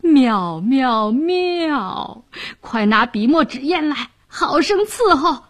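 A woman's voice: a little high, animated, very slow, husky, exaggerated voice. A woman voicing a lecherous, drunken male official who is boastful and leering.

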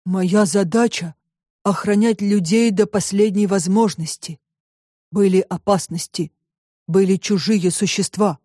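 A woman voicing a dutiful, stubborn ship's robot in an audiobook, speaking slowly and evenly. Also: medium pitch, no room sound, clean studio sound, close to an everyday voice. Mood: plodding. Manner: slow, measured, flat report-like speech.

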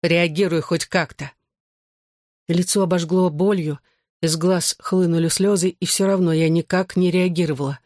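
Female audiobook narrator, measured tense first-person reading, dry close sound. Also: fairly low pitch, fairly even intonation, dark tone, no echo.

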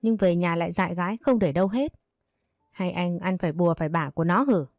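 A woman voicing a domineering older mother who scolds her son in fast, sharp-tongued bursts. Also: on the low side, dry recording, studio quality, lightly acted. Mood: scornful.

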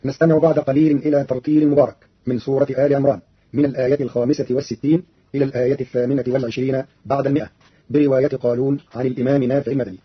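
A man's voice: medium pitch, flat delivery, very fast, slightly rough, lo-fi sound. A man presenting a formal scripted explanation of scripture readings, briefly chanting the verses he quotes, on an old radio broadcast.

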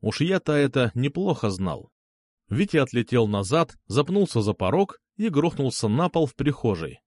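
Lively sardonic male audiobook narrator. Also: medium pitch, normal speed, no room sound. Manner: sardonic, lively, coarse humor. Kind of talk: first-person audiobook narration.

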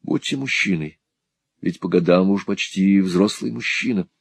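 A man voicing a kind young teacher in an audiobook, speaking softly and gently. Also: low-pitched, normal speed, creaky, slightly rough, no room sound, heavily acted. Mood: gentle. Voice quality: soft, gentle.

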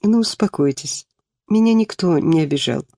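A man reading the part of a gentle, tearful young woman teacher who speaks softly and tenderly. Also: sits high, expressive, moderate pace, no echo, clean studio sound. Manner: soft, tender.

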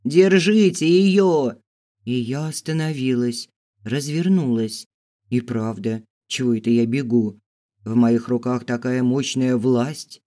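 A man narrating an audiobook in a steady storytelling voice. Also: mid-range voice, measured pace. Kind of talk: scripted narration.

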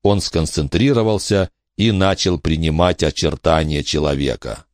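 A man narrating an audiobook in an expressive, dramatic storytelling manner. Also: extremely low pitch, normal speed, no echo, studio quality. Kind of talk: scripted narration.

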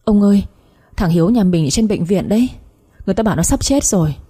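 Một người phụ nữ đọc truyện, nhập vai một bà mẹ nông thôn hoảng loạn, giọng khàn khàn, trầm tối, nói dồn dập như van xin. Giọng đọc truyện audio, lời người mẹ gấp gáp. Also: female voice, mid-range voice, lively intonation, quick pace, warm tone, slightly rough. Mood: panicked. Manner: frantic, wailing pleas. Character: panicked middle-aged village mother.

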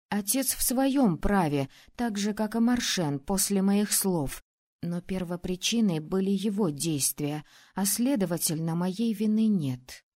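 A woman narrating a first-person audiobook, expressive, acting out the heroine's outbursts. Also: mid-range voice. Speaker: audiobook reader.

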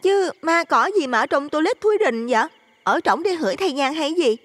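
A woman's voice: high-pitched, lively intonation, fairly quick, fairly bright tone, dry recording. An actress playing a skeptical young daughter who mocks her father, with a Southern Vietnamese accent, in an audio drama. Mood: mocking. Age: young adult. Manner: mocking, scolding.

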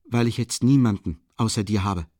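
A man's voice: fairly low pitch, moderate pace, darkish tone, dry recording, close to an everyday voice. Tormented young man, read by a male narrator, agitated and bitterly mocking; dry close audiobook sound. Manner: agitated, musing half aloud, bitter mockery.

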